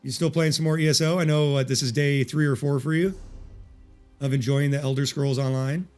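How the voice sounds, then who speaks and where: Over soft background music, a man with a medium-pitched, steady, slightly mellow voice talks briskly to his livestream chat as he games. He greets viewers and keeps up profane jokes, using a desk mic with noise removal.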